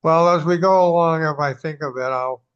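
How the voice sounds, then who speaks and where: A man on a town board talks in a relaxed, meandering way. His voice is smooth and slightly higher, and the recording sounds muffled and lo-fi. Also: normal speed. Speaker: selectboard member. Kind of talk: town meeting proceedings. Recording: dull lo-fi sound.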